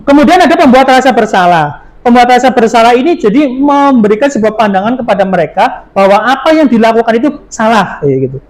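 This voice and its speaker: High-voiced man explaining to colleagues. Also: animated, brisk, poor audio. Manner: explanatory, with many fillers and acted asides. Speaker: teacher presenting to colleagues. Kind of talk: workshop presentation.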